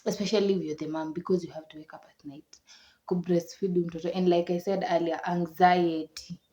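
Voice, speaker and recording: A woman's voice: fairly low pitch, normal speed, dark tone. A young Kenyan woman chatting casually to camera, laughing often and repeating words for emphasis. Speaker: vlogger. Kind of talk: casual chat. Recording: dull lo-fi recording.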